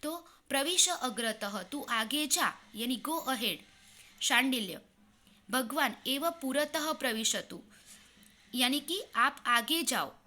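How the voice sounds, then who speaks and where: A woman teacher explaining a text line by line, reading each passage and then paraphrasing it slowly. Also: high voice, lively intonation, sharp tone. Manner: reads lines then explains them slowly, mixing English.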